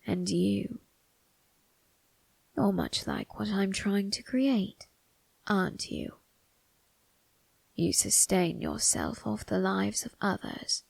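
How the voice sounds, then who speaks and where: A woman voicing a sinister, amused, ageless male grim reaper turned undertaker in an ASMR roleplay, breathy and gravelly, often dropping into a whisper, with a theatrical, teasing delivery. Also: mid-range voice, very animated, a little mellow, dry recording, heavily acted. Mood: intimate, fascinated. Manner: slow, theatrical, teasing, morbidly musing. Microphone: close microphone, dry.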